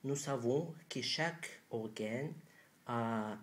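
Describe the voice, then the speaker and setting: A man in his thirties with a foreign accent in French, a non-native speaker giving a halting instructional presentation, searching for words. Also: mid-range voice. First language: not French. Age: 30s. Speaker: doctor presenting an acupuncture method. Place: small room indoors.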